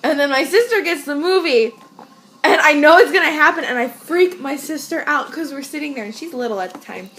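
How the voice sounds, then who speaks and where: Young woman, high and lively, giggly storyteller in a casual chat. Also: a little fast. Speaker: co-host.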